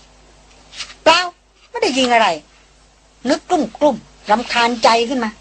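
A woman voicing a guarded young woman, the youngest sister, who apologizes in a flat, offhand way. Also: high voice, takes it slowly, husky, pitched above the performer's own voice, full character voice.

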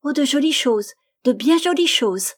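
A woman voicing a trusting, cheerful little girl of about five in an audiobook, in a high, lively childlike voice. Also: normal speed, close to an everyday voice. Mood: chatty. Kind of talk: audiobook reading.

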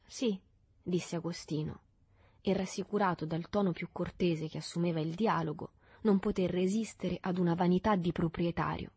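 Husky woman reading a novel. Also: fairly low pitch, no echo. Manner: calm, measured storytelling. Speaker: reader. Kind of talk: scripted narration.

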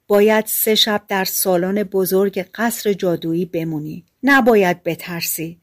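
A woman voicing a cursed young woman in an audiobook fairy tale, speaking softly and earnestly. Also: mid-range voice, lightly acted. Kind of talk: audiobook storytelling.

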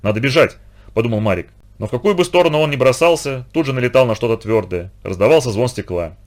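A man narrating a children's audiobook in an expressive storytelling manner. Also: mid-range voice, fast. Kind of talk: scripted narration.

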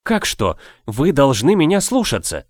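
A man voicing a stubborn, indignant young noble wife in an audiobook, speaking high and insistently. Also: huge pitch swings, a little slow, darkish tone, dry recording, clean studio sound, exaggerated voice.

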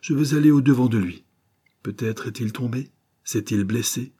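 A man's voice: on the low side, steady tone, moderate pace, darkish tone, husky. A man voicing a worried aging father who speaks in anxious outbursts, in a storybook reading. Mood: urgent. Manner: anxious, rising to urgent outbursts.

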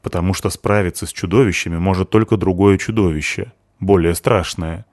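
A sullen, sharp-tongued seventeen-year-old girl from an audiobook, put on by a male reader. She speaks with weary sarcasm and bite. The voice stays low, recorded dry and close with no room echo. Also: steady tone, brisk. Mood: sardonic. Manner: bitter, sarcastic.

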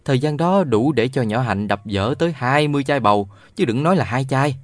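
A man narrating a children's novel aloud in a lively storytelling manner. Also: medium pitch, fairly quick, no echo. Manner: lively storytelling, voices all the characters. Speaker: audiobook narrator.

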